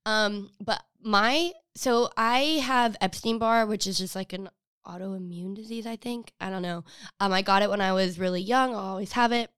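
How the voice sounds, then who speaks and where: A woman's voice: mid-range voice, moderate pace, fairly bright tone, clean tone, no echo, studio quality. A young woman hosting a podcast, chatting casually and rambling through a story with fillers and asides. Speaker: podcast host. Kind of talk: casual chat.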